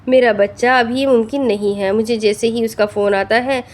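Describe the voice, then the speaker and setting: Protective older brother, read by a woman, soft and reassuring, fairly high voice, audiobook. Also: fairly even intonation, close to an everyday voice. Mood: soothing. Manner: soothing, reassuring.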